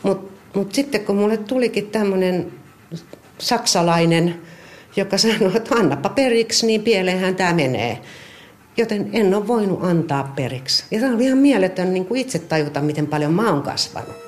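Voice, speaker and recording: A middle-aged woman speaking in a chatty, personal way, telling stories at a mid pitch. Her talk is lively and she keeps tripping into little repeats as she gathers her thoughts. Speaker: dog owner interviewee. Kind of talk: casual personal storytelling.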